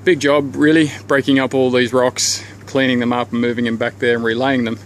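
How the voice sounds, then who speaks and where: In a level, medium-pitched tone, a homeowner muses about renovation work as he walks outdoors around his house, under a deck and through a garden. He goes slowly, with many ums and restarts, recording on his own handheld camera against slight background noise.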